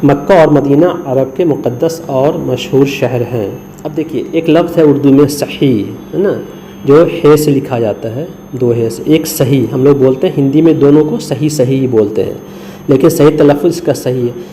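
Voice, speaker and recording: Dark-voiced man teaching Urdu writing. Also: mid-range voice, a little hiss or hum, rough recording. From India. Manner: patient, spells out letters slowly syllable by syllable; mixes English words into Urdu explanations. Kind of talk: screen lesson.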